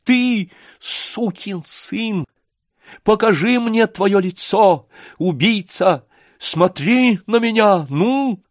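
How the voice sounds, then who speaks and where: A man's voice: medium pitch, big pitch swings, extremely slow, hardly any pauses, no echo, studio quality. A man voicing a defiant male fiddler who speaks with weight and authority, in an audiobook reading. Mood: commanding. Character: defiant male fiddler, calm then commanding.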